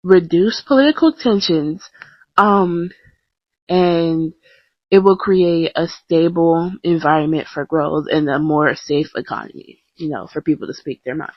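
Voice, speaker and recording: This young woman's voice is deep and measured as she talks casually, podcast-style, joking at her own expense amid plenty of ums and restarts. The recording is dry, dull and lo-fi, made at home on a close mic with a blank screen.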